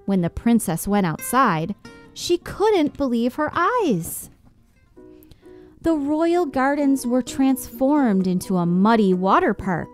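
Slow, expressive woman storyteller. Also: on the high side, soft background music. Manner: expressive, sing-song. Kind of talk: children's book read-aloud.

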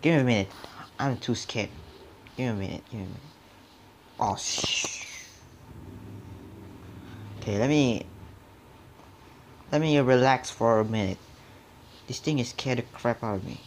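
Man, gravelly voice, nervous horror game commentary, drops to whispers, mutters mild curses, middle pitch. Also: a little slow, pauses often, a little hiss or hum. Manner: mutters to himself with frequent mild swearing. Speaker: gamer. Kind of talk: horror let's play commentary.

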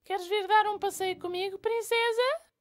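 A woman's voice: extremely high pitch, fairly even intonation, measured pace. A woman voicing a plucky, sweet young boy frog hero in a cartoon dub, with a European Portuguese accent. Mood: eager.

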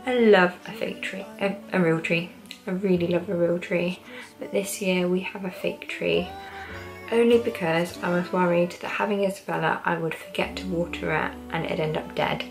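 Creaky-voiced young British woman over music. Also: fairly low pitch, rough recording. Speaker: vlogger. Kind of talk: casual chat to camera. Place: small living room at home, indoors. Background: background music.

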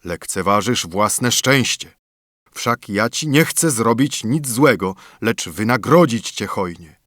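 A man voicing a menacing male giant spirit, speaking slowly and loudly in an audiobook fairy tale. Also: animated, dry recording, studio quality. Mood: coaxing. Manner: slow, loud and booming.

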